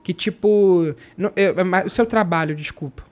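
A man, a guest in a casual chat, telling animated stories and acting out the voices of the people in them. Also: high-pitched, normal speed. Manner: animated storyteller, acts out quotes.

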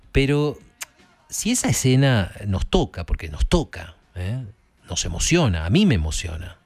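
A man's voice: fairly low pitch, a little mellow. A man with an Argentine accent hosting a talk and addressing listeners in a conversational, emphatic way. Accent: Argentine Spanish. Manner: conversational, emphatic, with many fillers and tag questions. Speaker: host discussing film and rock. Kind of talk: reflective spoken commentary to listeners.

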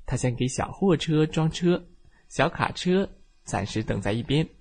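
A man telling a bedtime story to children, lively and expressive as he narrates. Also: fairly high pitch, unhurried.

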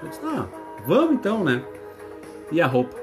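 A man's voice: on the high side, wildly swooping pitch, moderate pace. A man in his thirties with a southern Brazilian accent, chatting casually and telling stories as a radio co-host, often repeating his phrases in a bantering way. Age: 30s. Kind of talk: casual chat and storytelling. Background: music.

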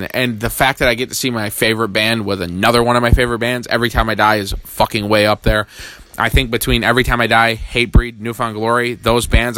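A man in his thirties, a music fan, giving an excited, fast, profane and rambling casual rant with many restarts. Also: on the low side. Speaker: music fan recapping concerts.

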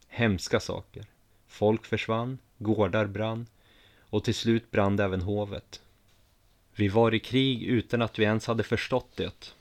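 A hearty, commanding Norse chieftain with a red beard and a stocky build, as a man reads him aloud. His voice sits fairly low. He speaks plainly, like a leader telling how things stand. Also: lightly acted.

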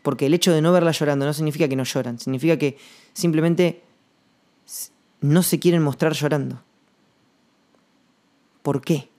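A man with a Rioplatense Spanish accent hosting a reflective solo podcast monologue, rambling and slangy, thinking aloud with pauses. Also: fairly high pitch, fairly even intonation, dark tone. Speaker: podcast host.

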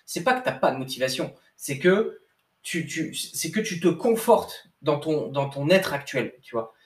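A man's voice: fairly high pitch, lively intonation, unhurried. A young man, a sports coach, giving a casual motivational talk with lots of restarts and slang. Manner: informal, repetitive restarts, addresses listener as bro. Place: at a desk indoors. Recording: echoey room, mic at a distance.

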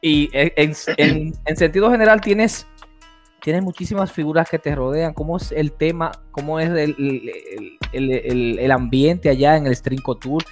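A man hosting an interview show, excitable and full of restarts and repeated phrases. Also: a little high, normal speed, faint music behind. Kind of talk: casual interview.

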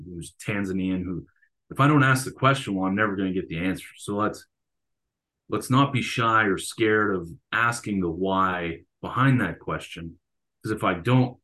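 Deep-voiced man telling a story. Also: fairly bright tone. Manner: reflective, storytelling. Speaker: football coach and teacher. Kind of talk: casual interview conversation.

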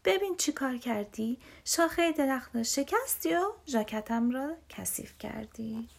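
A woman's voice: on the high side, lively intonation, gravelly, slightly rough, exaggerated voice. A woman voicing a big brother bear. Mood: angry. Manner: shouts, then turns gentle. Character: big brother bear, young, proud, quick-tempered.

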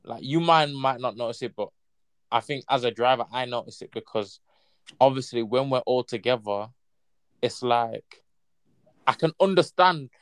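A man's voice: medium pitch, normal speed, long pauses, fairly bright tone, smooth, dry recording. A young man with a London roadman accent and slang, chatting casually in a group. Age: young adult.

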